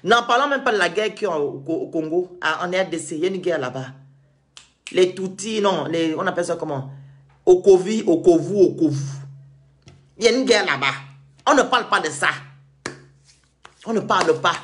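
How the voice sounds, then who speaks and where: A man's voice: high voice, lively intonation, moderate pace, pauses often, a bit bright, a little hiss or hum. A man from Cameroon, delivering an indignant, sarcastic monologue rant as a vlogger.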